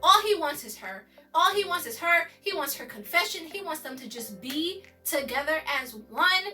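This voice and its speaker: A woman casually recapping and reviewing a TV episode, excited and chatty, using slang and calling her viewers y'all. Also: high-pitched, normal speed, recorded from a distance, faint music behind.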